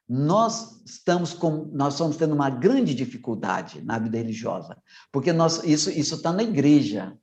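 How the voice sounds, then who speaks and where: A man with a Minas Gerais accent lectures religious formators as a priest and theology teacher. He speaks quickly and a bit anxiously, swallowing syllables and tripping over words, at a medium pitch. The sound comes through a dull, muffled online call. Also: darkish tone. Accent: Minas Gerais Brazilian Portuguese. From Minas Gerais, Brazil. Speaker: priest and theology professor giving a formation talk. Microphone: video call.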